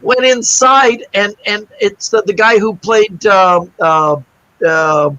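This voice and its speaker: High-voiced man telling lively anecdotes. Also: slow, no room sound, muffled recording. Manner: animated anecdote-teller, acts out quoted voices. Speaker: guest magician. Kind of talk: casual storytelling in an interview.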